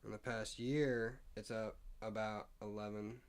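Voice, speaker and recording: Hiccuping as he goes, this man reads prices and figures from his screen during a laid-back stock market live stream, thinking out loud with stumbles and side comments. His voice sits on the low side, level in tone and unhurried.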